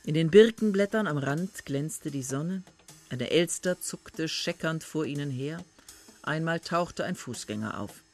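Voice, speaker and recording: A narrator reading an audiobook in a lively, expressive storytelling manner. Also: mid-range voice, a little slow, faint music behind.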